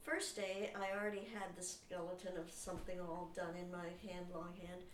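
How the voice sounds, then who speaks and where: A woman's voice: on the low side, level tone, normal speed. A woman with a nasal voice talks casually in a writers' group, explaining things patiently and chatting freely. She sounds a little distant from the mic, in a roomy space with a faint hiss. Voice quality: nasal from paint fumes. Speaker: writing group member. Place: small room with a group.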